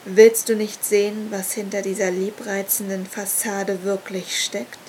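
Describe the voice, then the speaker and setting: Old sinister seer leading a cult, read by a woman slow and even, cold and knowing. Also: mid-range voice, slight background noise, close to an everyday voice, poor audio. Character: old scarred male cult leader and seer.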